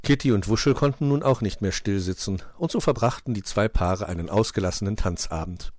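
A man calmly reading a storybook aloud as narrator. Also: fairly low pitch, a little fast, no room sound, studio quality.

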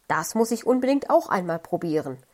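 Woman voicing an eager young fox boy for a children's story, loud and excited. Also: lowish voice, a little fast, a little hiss or hum. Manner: enthusiastic, encouraging.

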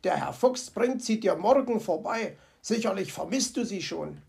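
A woman's voice: medium pitch, lively intonation, normal speed, gravelly, a little mellow. A woman voicing a cheerful, fussy male fox from a children's storybook who chatters to himself with comic grumbling. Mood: delighted. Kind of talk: storybook character voice.

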